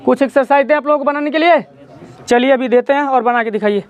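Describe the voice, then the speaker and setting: A man's voice: very high voice, fast, smooth, faint music behind. A man teaching a grammar lesson in a classroom, explaining step by step and quizzing his students as he goes. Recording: dull lo-fi sound.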